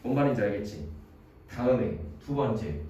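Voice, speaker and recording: A man's voice: fairly low pitch, expressive, normal speed, dark tone. A man teaching an exam-prep English grammar lecture in a classroom, quizzing students by name and using playful memory tricks. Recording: very echoey room, voice from a distance, faint noise.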